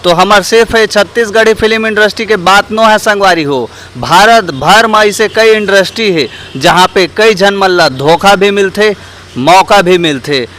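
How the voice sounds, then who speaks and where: This man from Chhattisgarh, India, has a high, fairly bright voice and speaks at normal speed with a Chhattisgarhi accent. Hosting his vlog and interviewing people on the street, he earnestly calls his viewers friends and raises questions of public opinion.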